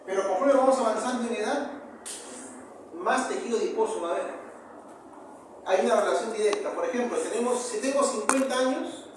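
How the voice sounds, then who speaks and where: A man with a Peruvian accent giving a university histology lecture, often repeating key terms and asking the class quick questions. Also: very high voice. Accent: Peruvian Spanish. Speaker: histology professor. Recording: very echoey room, far from mic, noisy.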